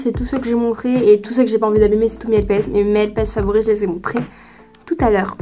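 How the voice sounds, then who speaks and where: A woman's voice: fairly high pitch, a little mellow. A teenage girl from France answering viewer questions in a casual vlog, chatty and hesitant with lots of fillers. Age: teens. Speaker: youtuber.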